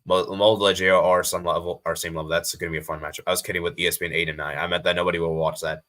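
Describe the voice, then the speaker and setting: A casual American live-streamer with a deep voice and a bright, forceful edge. He rambles loosely, repeats his phrases and reads viewer comments aloud as he goes. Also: flat delivery, rapid-fire. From USA.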